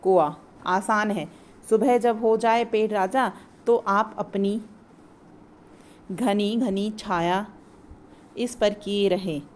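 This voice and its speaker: A woman's voice: medium pitch, close to an everyday voice. A woman reading the part of a clever, helpful crow from a children's play, in a plain reading voice. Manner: read aloud plainly from the play.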